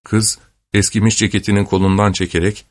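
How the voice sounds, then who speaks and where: A male narrator with a fairly low voice reads a classic novel in measured, even storytelling tones. The recording is close and dry, with no room sound. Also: dry recording. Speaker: audiobook narrator. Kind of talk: scripted narration.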